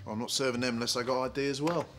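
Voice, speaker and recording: Male barman, fast and flat, unimpressed, faint music. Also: medium pitch. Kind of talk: scripted sitcom dialogue.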